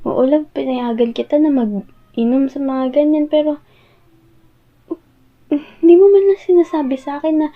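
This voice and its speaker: Casting: actress as jealous, wounded young-love girlfriend, Filipino accent, high female voice, halting pleading delivery, audio role-play, thin phone-like sound. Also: fairly even intonation. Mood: upset, accusing. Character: hurt jealous girlfriend confronting partner who came home late.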